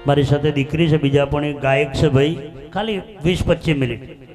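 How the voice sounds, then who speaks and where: High-pitched village preacher, storytelling sermon w/ sung bits, instruments playing behind. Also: male voice, moderate pace. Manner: folksy, animated storytelling, breaks into song. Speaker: devotional preacher and bhajan singer. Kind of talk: folk devotional sermon with sung verses. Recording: live music accompaniment behind.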